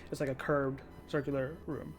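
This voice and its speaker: A game master improvising tabletop game narration in a halting, conversational way. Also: mid-range voice, little pitch movement, soft background music. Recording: clearly audible background noise.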